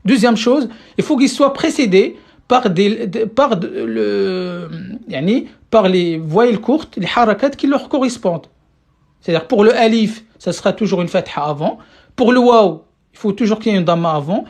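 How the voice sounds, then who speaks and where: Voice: medium pitch, animated, moderate pace, a little mellow. A teacher running a live online class through a phone or computer mic. The delivery is patient and questioning, with frequent checks on whether everyone follows. Words often come out repeated as the next phrase is found. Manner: keeps asking the class questions and checking understanding. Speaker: Arabic teacher. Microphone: phone or computer mic on a live stream.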